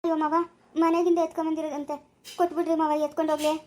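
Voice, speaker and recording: A woman plays a worried mother in a home-made family drama, pleading in a tearful way. The voice is very high and mellow, and it carries a rural Karnataka accent. She speaks quickly. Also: little pitch movement, close to an everyday voice. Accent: rural Karnataka Kannada.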